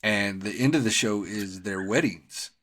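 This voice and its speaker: A man's voice: lowish voice, a little slow, a bit bright, slight background noise. A man co-hosting a podcast, talking casually about TV shows in a rambling, slangy, conversational way. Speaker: podcast co-host.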